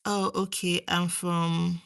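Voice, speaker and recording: Speaking slowly in a level, smooth, lowish voice that's a bit bright and has some vocal fry, this young Nigerian-accented woman hosts a livestream. Her chat with viewers is casual and rambling, drifting off between ideas.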